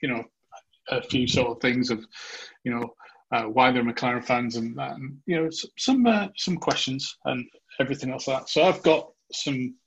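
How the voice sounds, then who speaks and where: A man's voice: mid-range voice, moderate pace, highs cut off, a little hiss or hum. A man hosting a podcast in casual interview chat, with a hesitant, rambling way of talking. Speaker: podcast host.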